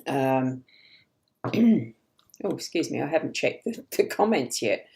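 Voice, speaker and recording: Chatty low-voiced woman reading cards. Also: big pitch swings, slow pace, creaky, warm tone. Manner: chatty, laughing, rambling asides. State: hiccups. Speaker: psychic card reader. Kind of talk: live-streamed card reading.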